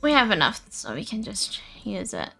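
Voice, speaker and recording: Her medium-pitched voice is sharp and swoops wildly in pitch, at a moderate pace. She's a livestream host playing games to music, chatting informally with viewers, thinking aloud and repeating herself a lot.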